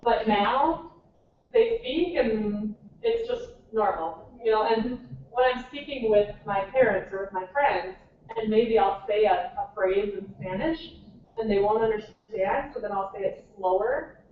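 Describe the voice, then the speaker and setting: A young woman from Minnesota with a Minnesotan American accent, chatting and telling stories as a native English conversation partner, her voice animated and full of quoted asides. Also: medium pitch, measured pace. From Minnesota, United States. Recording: distant, tinny, echoey hall with faint noise.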